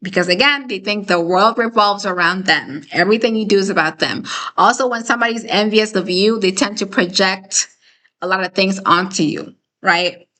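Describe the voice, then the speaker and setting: A woman hosts a casual live stream, talking straight to her viewers in a clear, bright voice that sits at a middle pitch. She keeps it conversational and emphatic, tagging her points with "okay?" and "right?" as she goes. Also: moderate pace. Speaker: host of a live discussion.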